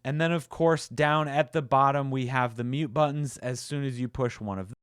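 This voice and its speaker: A man's voice: medium pitch, steady tone, moderate pace, clear, resonant tone, dry recording, clean studio sound. A man casually walking through a product demo, upbeat and chatty with frequent "uh"s and repeats. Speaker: tech reviewer.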